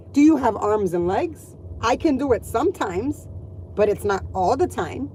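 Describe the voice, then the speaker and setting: A woman's voice: a little high, expressive, slow pace, warm tone, a little hiss or hum, low-quality recording. Blunt, profane middle-aged woman ranting. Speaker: mother venting to viewers. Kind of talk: ranting vlog monologue.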